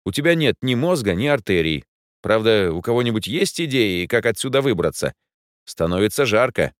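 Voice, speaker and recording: A man's voice: lowish voice, sing-song, normal speed, no echo, studio quality. A man voicing a stressed young hero who talks urgently. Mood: frustrated. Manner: urgent, frustrated.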